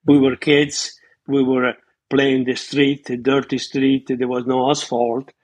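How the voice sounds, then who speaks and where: A man in his eighties from Italy, a retired surgeon, speaks with an Italian accent as a podcast guest. He looks back on his life in earnest, reminiscing interview storytelling, often restarting when words escape him. His delivery is flat and slow at a medium pitch.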